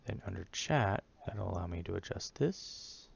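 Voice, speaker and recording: A man's voice: sits low, lively intonation, normal speed, creaky, slightly rough, muffled recording. A man streaming a video game, chatting casually and muttering to himself as he adjusts his stream settings. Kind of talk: casual gaming stream chat.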